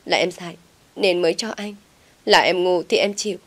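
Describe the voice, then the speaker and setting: A woman's voice: lowish voice, fairly even intonation, normal speed. A woman voicing a scheming young female teacher who feigns being the victim with tearful pleading. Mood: pleading, sobbing.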